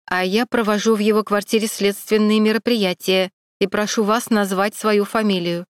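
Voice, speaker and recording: A woman's voice: mid-range voice, fairly even intonation, normal speed, smooth, dry recording, studio quality, lightly acted. A woman reading a curt male investigator who speaks in a cold, official tone.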